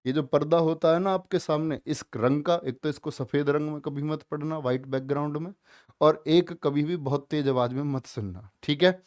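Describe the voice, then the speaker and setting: A man teaching a live online class, loud and emphatic, drilling students with repeated questions. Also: fairly high pitch, normal speed, no echo, clean studio sound.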